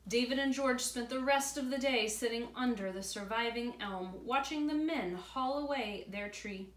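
Speaking at normal speed in a fairly high voice, a middle-aged teacher reads aloud from a picture book and explains it to young children. The setting is an indoor room at home by a glass door, filmed by a camera a few feet away, with roomy echo and faint room noise.

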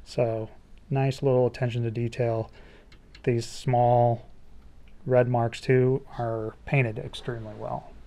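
A mellow, warm-toned man chats casually through a toy review, joking as he goes. He sounds relaxed and easy, describing each joint and piece while he handles the figure at a small studio table. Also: medium pitch, takes it slowly.

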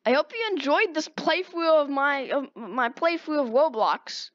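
A woman giving casual, excitable commentary while playing a video game, with sudden squeals and exclamations. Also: high-pitched, a little slow, muffled recording. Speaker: gaming video host.

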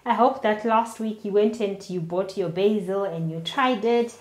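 A woman's voice: mid-range voice, echoey room. A woman in her thirties hosting a cooking show, giving step-by-step recipe instructions from her home kitchen. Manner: slow, steady instructional delivery. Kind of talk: cooking demonstration to camera.

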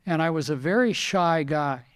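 An older American man, a retired racing driver and team owner, reminisces casually as an interview guest, telling anecdotes and acting out dialogue he remembers. His voice is a little high and clean, with lively intonation at a moderate pace.

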